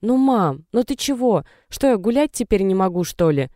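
A man's voice: very animated, moderate pace, warm tone, dry recording, studio quality. A man reading the lines of a nervy pregnant teenage girl who gets defensive with her mother. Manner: defensive, pleading, rises to shrill.

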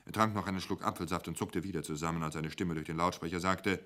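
Man, narrator, radio story reading, very low voice, measured. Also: steady tone, fairly bright tone.

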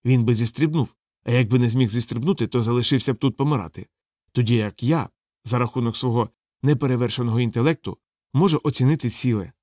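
A man's voice: mid-range voice, quick pace, warm tone, dry recording, close to an everyday voice. A man voicing a scruffy, self-pitying male street dog who grumbles sarcastically in a dry, close sound. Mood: smug.

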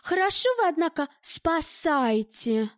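A woman reading an audiobook and voicing a sharp-tongued, sardonic woman who speaks with biting scorn. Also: sits high, animated, a little slow, no echo, clean studio sound, pitched above the performer's own voice. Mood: scornful.

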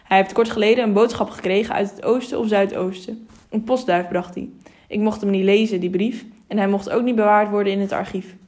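A woman's voice: medium pitch, fairly even intonation, fairly quick, darkish tone, close to an everyday voice. A woman voicing a cautious, worried male scribe in an audiobook.

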